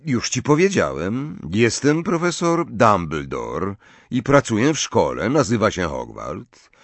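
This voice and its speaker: A patient, gentle old wizard teacher speaks in a low, husky voice with lively inflection, as a man reading the story gives him voice. The sound is dry and close, unhurried and kindly firm. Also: no echo, heavily acted.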